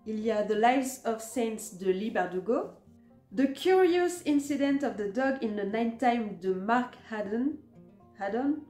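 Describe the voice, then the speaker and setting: A woman chatting casually as a book vlogger about her reading list, talking in a relaxed, self-mocking way with plenty of fillers. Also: on the high side, measured pace, reverberant, soft background music.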